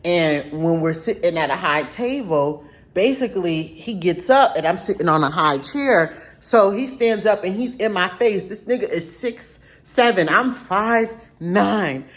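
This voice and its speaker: A young adult woman telling a dramatic story in a casual vlog, animated and profane, with sudden high-pitched outbursts. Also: unhurried. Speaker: storytime vlogger.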